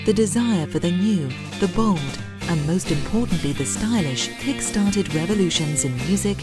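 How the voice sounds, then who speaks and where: A woman's voice: on the low side, expressive, normal speed, over loud music. A woman reading scripted narration for a historical documentary.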